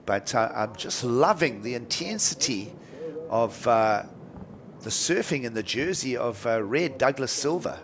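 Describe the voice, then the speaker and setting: A man's voice: medium pitch, lively intonation, measured pace, slight background noise. Surf contest announcer, male, middle register. Colloquial, enthusiastic live sports commentary.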